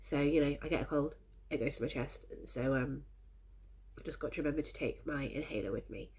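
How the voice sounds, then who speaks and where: This woman's low, darkish, slightly rough voice moves fairly quickly. In a casual crafting vlog she chats to camera, cheerful and meandering, though a head cold leaves her a little congested and prone to coughing.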